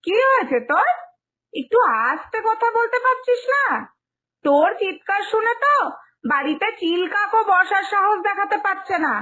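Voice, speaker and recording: A woman voicing a stern middle-aged mother-in-law who scolds slowly in a lowered voice, for a cartoon story. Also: lively intonation, bright, forceful tone, exaggerated voice. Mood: scolding.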